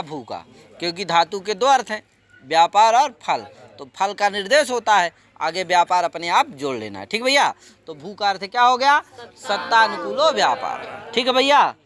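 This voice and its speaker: A man teaching Sanskrit grammar in a lilt, animated, peppering students questions and chanting rules in a measured recitation. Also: high-pitched. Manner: animated, keeps asking students questions and answering them himself. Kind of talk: classroom lecture.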